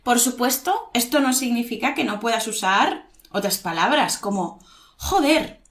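A woman from Spain gives an online Spanish lesson in a fairly high voice. Her accent is plainly Peninsular. She talks with lively emphasis and stretches out her examples to show intonation. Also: moderate pace. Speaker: Spanish teacher.

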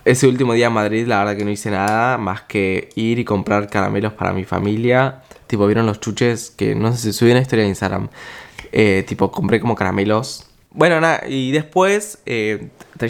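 A man's voice: on the low side, fairly quick, gravelly. A young man with an Argentine accent tells a travel story as a podcast host, chatty and slangy, swearing and filling gaps with small words. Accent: Argentine Spanish. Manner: chatty, slangy and profane, with lots of filler words. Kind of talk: casual storytelling monologue.

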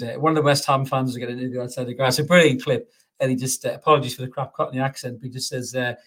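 A man hosts a loose football chat, swearing freely and laughing along as he talks. His voice sits at an ordinary middle pitch for a man. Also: a bit bright. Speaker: podcast host.

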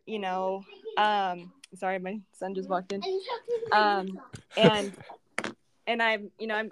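A woman in a personal conversational interview, earnest and halting, telling her faith story at home with many restarts and fillers. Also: mid-range voice. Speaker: guest sharing her faith testimony.

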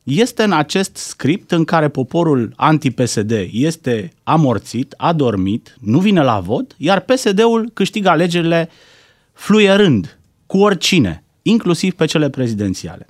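A man's voice: a little high, sing-song, hardly any pauses, dry recording, clean studio sound. A man giving heated, indignant political commentary on a talk show, firing off rhetorical questions.

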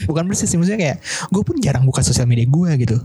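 A man's voice: on the high side, lively intonation, racing, mellow, slightly rough, dry recording. A man chatting casually as a podcast guest. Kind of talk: casual chat.

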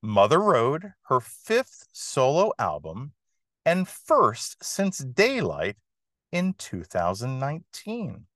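A man's voice: medium pitch, wildly swooping pitch, slow, a bit bright, no room sound, studio quality. A man hosting a music podcast, giving an enthusiastic review monologue with emphatic, dramatic phrasing.

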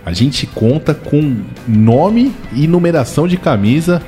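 A man's voice: on the high side, expressive, unhurried, warm tone, soft background music. A Brazilian man co-hosting a podcast, chatting conversationally about football history. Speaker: podcast co-host.

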